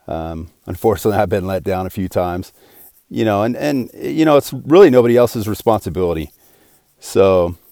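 A fortyish podcast host delivers a casual solo monologue in a lowish, mellow voice. His talk is earnest and drifting, often restarting, and the audio is clean studio sound with no room tone.

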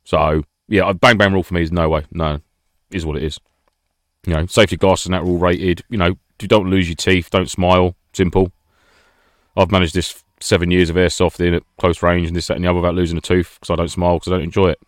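A man co-hosting a podcast, blunt and sweary, with a gruff sense of humour. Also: sits low, flat delivery, fast, no echo, clean studio sound. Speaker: podcast co-host. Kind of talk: casual chat.

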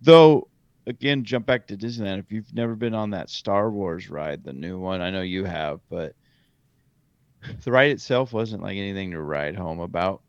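On a podcast, a co-host with a very deep, gravelly voice casually rambles through a story about a trip at normal speed, frequently stopping to correct himself. The recording is dry and a bit dull, like a lo-fi home mic.

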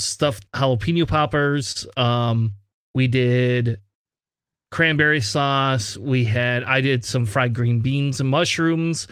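A man's voice: medium pitch, fairly bright tone, no echo. A man hosting a tabletop game podcast in casual chat, joking and swearing now and then, his speech slightly slurred from a numbed sore throat. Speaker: podcast host.

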